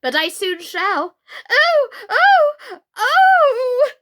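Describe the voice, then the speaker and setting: A woman voicing an excitable, bossy old storybook queen who wails and exclaims, turning squeaky when excited. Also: very slow, exaggerated voice. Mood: wailing, anguished. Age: older.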